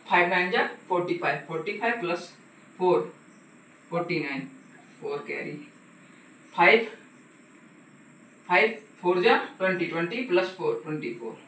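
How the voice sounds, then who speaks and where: High, bright-voiced man tutoring in an echoey room. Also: expressive, moderate pace, pauses often. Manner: patient, repeats "ठीक है" and asks the viewer questions. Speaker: math tutor. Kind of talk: casual step-by-step math lesson. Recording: echoey room, voice from a distance, faint hiss.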